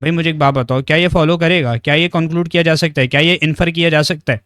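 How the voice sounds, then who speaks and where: A young male teacher talks students through exam questions in a slightly raised voice. He coaxes them along, keeps checking that they follow, and slows right down to read each English sentence. The recording is close and dry, with no room sound. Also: fairly high pitch, fairly even intonation, fairly bright tone, no echo. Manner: reads English sentences slowly and deliberately. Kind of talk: exam-prep lecture.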